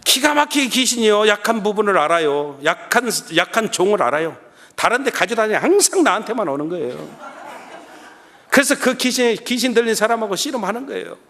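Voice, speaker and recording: A middle-aged male pastor preaches at a revival meeting with a high, lively voice that leaps up and down as he acts out his prayers. He keeps turning to the congregation as he tells his story. The sound carries a long reverb from the church hall. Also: brisk. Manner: animated, acts out his own prayers and shouts; addresses the congregation often. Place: church sanctuary.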